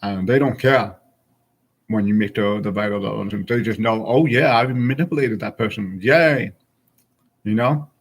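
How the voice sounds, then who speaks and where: A man's voice: fairly low pitch, moderate pace, breathy edge. A man of forty chatting casually and frankly with his stream viewers, rambling from thought to thought. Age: 40s.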